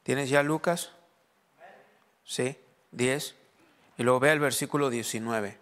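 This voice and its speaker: A male pastor preaching in a church hall, quizzing the congregation as he goes and slipping between Spanish and English. His voice sits at an everyday middle pitch and carries a long, lingering reverb from the room. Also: slow, a bit bright. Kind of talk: sermon.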